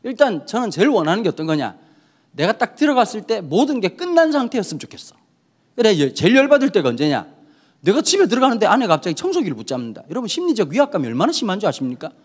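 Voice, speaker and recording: A middle-aged male pastor giving a sermon, telling the story with lively acted-out dialogue. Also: sits high, fast, husky. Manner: lively storytelling, acting out quoted characters in dialogue.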